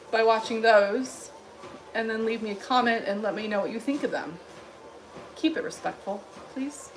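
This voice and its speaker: A woman's voice: medium pitch, slight background noise, poor audio. A woman from Illinois hosting a casual livestream, reading chat comments in a blunt, dry, dismissive way while walking on a treadmill.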